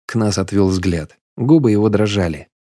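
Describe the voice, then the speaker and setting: Low dark-voiced guy reading an audiobook, steady and measured, dry sound. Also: no echo. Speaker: audiobook narrator. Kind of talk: scripted audiobook narration.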